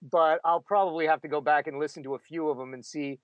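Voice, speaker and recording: A man's voice: on the high side, fairly even intonation, fast talker, dry recording, highs cut off. A man who narrates audiobooks, chatting casually in a self-deprecating way and often restarting his sentences. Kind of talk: casual conversation.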